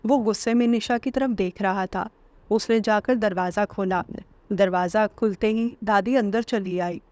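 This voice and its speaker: A woman reading a family story aloud as a storyteller, steady and expressive. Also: medium pitch, measured pace, no room sound. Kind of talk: scripted narration.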